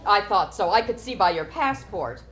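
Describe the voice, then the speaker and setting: A woman playing a loud, overfriendly American tourist with an American accent. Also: mid-range voice, expressive, moderate pace, faint music behind, close to an everyday voice, poor audio. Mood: gushing.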